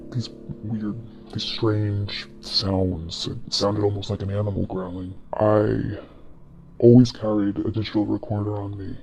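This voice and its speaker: Shaken male witness, gravelly, long pauses, documentary interview, slight background noise. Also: lowish voice, a little mellow. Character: shaken male forensics technician recounting a haunting. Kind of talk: mock documentary interview acting. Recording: background noise with room ambience.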